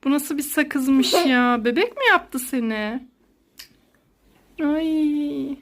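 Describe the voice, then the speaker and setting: Mom vlogger, 30s woman, high voice, theatrical exclaiming, playful skit. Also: drawn-out words. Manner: dramatic, exclaiming, sing-song fussing. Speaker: mother filming her child. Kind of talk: playful family skit vlog.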